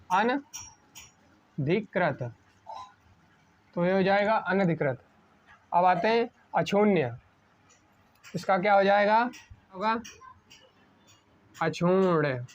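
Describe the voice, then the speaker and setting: A man teaching an exam-prep spelling lesson at a board, asking a question and answering it himself, slowing down on each correct word. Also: sits high. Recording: dull lo-fi sound.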